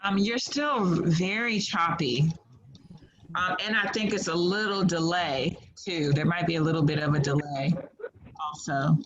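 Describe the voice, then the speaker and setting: A woman's voice: on the low side, a little slow. Woman teacher on a video call. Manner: patient, encouraging, troubleshooting audio. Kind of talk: online class. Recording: slightly muffled call audio, faint noise.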